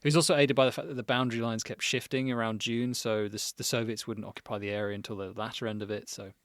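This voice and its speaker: A man co-hosting a podcast, telling a history story in an animated way and laughing often. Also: medium pitch, fast talker, no room sound, studio quality. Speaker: podcast co-host. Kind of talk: casual history chat.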